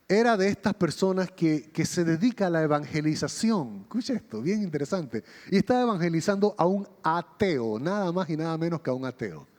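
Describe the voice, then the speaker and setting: A man preaching a sermon as pastor, telling a story and acting out its dialogue with changing pitch and pace. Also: a little mellow. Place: church hall. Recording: long reverb of a church hall.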